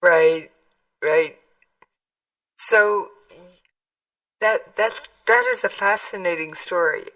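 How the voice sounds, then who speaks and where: A woman's voice: lowish voice, wildly swooping pitch, takes it slowly, vocal fry, pauses often, pushed and bright, recorded from a distance, low-quality recording. A woman interviewing someone in a casual, conversational way.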